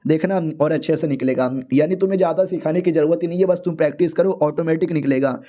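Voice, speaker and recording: Sword master, man voicing, loud, lecturing, mellow. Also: on the high side, quick pace, natural voice. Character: boastful male sword master.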